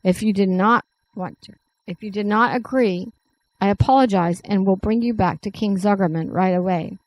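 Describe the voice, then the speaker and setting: A woman voicing an earnest young princess who shouts to a crowd in a story she reads aloud. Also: mid-range voice, normal speed, lightly acted, low-quality recording.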